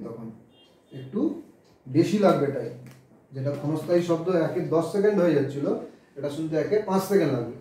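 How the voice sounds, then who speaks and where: A man's slightly high, warm voice comes from far off the microphone in a very echoey room as he delivers a classroom physics lecture. He goes through the material step by step, calculating sums aloud and using English terms along the way.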